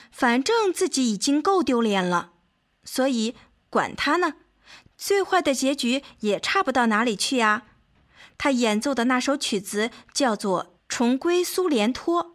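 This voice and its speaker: Gentle woman reading a children's story. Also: sits high. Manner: gentle, clear, measured for children. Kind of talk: scripted storybook narration. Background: faint music.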